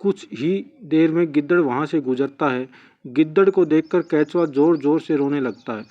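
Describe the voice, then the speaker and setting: A man tells a children's fable in a plain, steady way. His voice sits a little high. The recording has a dull, lo-fi sound. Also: moderate pace. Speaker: storyteller.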